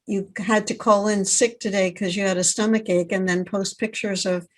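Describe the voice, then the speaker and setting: Woman host asking measured questions. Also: medium pitch, steady tone. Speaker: podcast host. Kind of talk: interview host.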